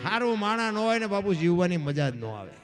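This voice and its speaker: High-pitched guy doing a folk story, acts out all the voices, faint music behind. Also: fairly quick. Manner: lively storyteller acting out the characters' voices. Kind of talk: Gujarati folk dayro storytelling.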